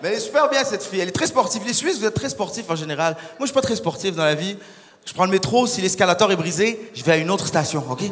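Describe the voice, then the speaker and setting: A young man doing a stand-up comedy set on stage, animated and acting out little scenes. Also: sits high, fast, a little hiss or hum. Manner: animated, acts out voices and characters. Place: large concert hall on stage. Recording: live hall with long reverb.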